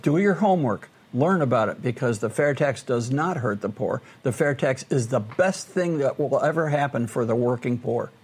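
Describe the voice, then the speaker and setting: Earnest husky-voiced male podcast host. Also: mid-range voice, lively intonation, normal speed, hardly any pauses, darkish tone. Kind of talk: casual chat.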